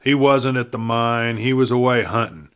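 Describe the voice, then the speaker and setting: For an audiobook, a man voices a dying Western outlaw who gasps out a confession in a rustic cowboy drawl, desperate, sneering, and urgently pleading. The character's voice is low and breathy and he sounds near death. The man's own voice is fairly bright, close to everyday, at normal speed.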